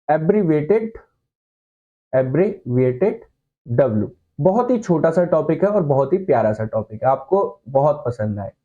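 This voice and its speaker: A high-pitched man with a mellow, relaxed tone teaches a shorthand class. He explains with playful comparisons and keeps asking if everyone is following. The sound is dull and slightly lo-fi. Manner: explains with playful analogies, checks in often. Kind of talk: online classroom lesson.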